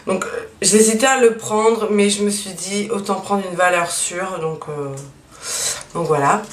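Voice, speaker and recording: A woman chatting casually through a beauty haul, with lots of fillers and a steady stream of small asides. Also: medium pitch, measured pace. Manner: chatty, many fillers and "donc voilà". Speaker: beauty vlogger. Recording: echoey room, mic at a distance, faint hiss.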